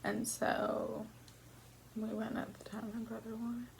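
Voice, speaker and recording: A woman's voice: on the high side, completely flat delivery, a little slow, gravelly, slight background noise. A young woman vlogger talking casually between bites in an eating video, rambling, self-deprecating and casually sweary. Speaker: mukbang vlogger.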